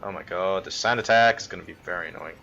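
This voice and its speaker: Young man, from the Isle of Man, low voice, bright edge, rambling let's-play chatter, faint music behind. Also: fast, highs cut off. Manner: rambling, full of fillers, spins absurd made-up stories. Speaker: gaming commentator. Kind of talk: casual let's-play commentary.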